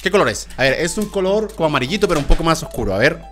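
A young man talking casually to camera, animated and exclaiming as he reacts. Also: on the high side, very fast, over music. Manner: animated, exclaims and groans at gross flavors. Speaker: YouTuber. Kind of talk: casual vlog, challenge commentary.

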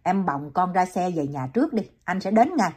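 A woman's voice: lowish voice, lively intonation, normal speed, darkish tone, husky. A woman voicing a stern young male doctor in an audiobook, giving firm, clipped orders. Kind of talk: audiobook reading.

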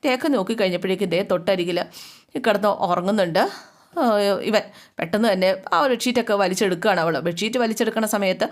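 A woman's voice: mid-range voice, fast. A woman casually retelling a TV serial's episode in a chatty storytelling style, with frequent conversational asides. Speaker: TV serial recap narrator.

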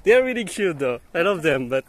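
With a fairly high, very animated voice and a brisk pace, a young French-native man vlogs from a dirt hillside path outdoors. He films on a handheld camera as he walks, chatting casually, coaxing, giggling and laughing frequently.

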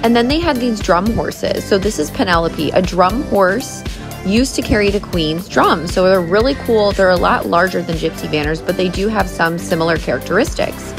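A woman in her thirties, a vlogger and horse owner, narrates a casual vlog in a gushing, enthusiastic way. Her voice is medium-pitched at a normal speed, with music playing in the background.

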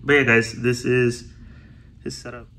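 An eager young man chats casually about his pet reptiles, stumbling over fillers and repeating himself. His voice stays fairly flat in pitch. He is recorded by a camera in a roomy, echoey room at home, with a faint hum of ambience behind him. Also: a little slow. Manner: enthusiastic, many fillers and repeats. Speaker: reptile vlogger. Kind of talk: casual vlog.

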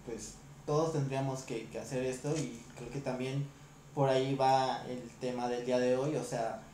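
A man co-hosting a podcast, chatting in a relaxed, slangy way. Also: mid-range voice, normal speed, echoey room, a little hiss or hum. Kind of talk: casual chat.

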